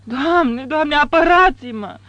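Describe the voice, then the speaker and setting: A woman's voice: high voice, lively intonation, fairly bright tone, dry recording, dull audio. A performer voicing a frightened young girl in an audiobook, fearful and pleading. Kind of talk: audiobook character voice.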